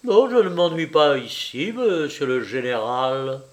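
A man's voice: a little high, expressive, a little slow. A man reading an audiobook, voicing a reserved, awkward young man who answers in terse, restrained phrases. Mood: stiff.

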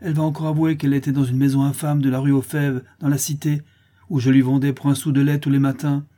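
A man's voice: medium pitch, lively intonation, moderate pace, dark tone, breathy edge. A man voicing a harsh peasant widow who sells milk, in an accusing, insistent manner, for a storybook reading.

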